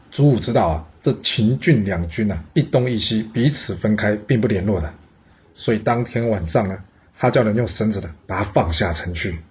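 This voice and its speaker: A man's voice: lowish voice, breathy edge. A man telling a history story in a chatty, conversational way, with explaining asides. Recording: dull lo-fi audio.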